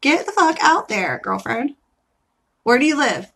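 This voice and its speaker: A woman's voice: high voice, big pitch swings, unhurried, vocal fry, a bit bright, husky, low-quality recording. A woman reading tarot cards on a live stream, casual and emphatic, with a profane pep-talk style.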